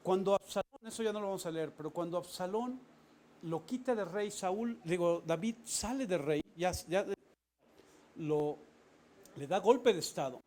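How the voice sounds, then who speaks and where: A man, a pastor, giving a sermon with animated storytelling and casual asides to the congregation. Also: high-pitched, normal speed.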